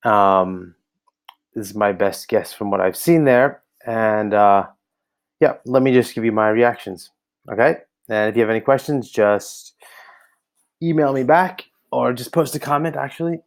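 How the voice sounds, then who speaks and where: With a mid-range voice at a measured pace, an American man gives informal feedback on a website aimed at coaches. He thinks aloud hesitantly, with frequent ums and restarts, while a laptop camera records him in an indoor room.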